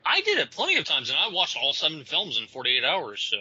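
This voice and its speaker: A young man co-hosts a casual podcast, dropping playful deadpan one-liners. His voice is very bright and husky, with lively pitch. The recording is dry and dull. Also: fast, no room sound. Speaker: podcast co-host.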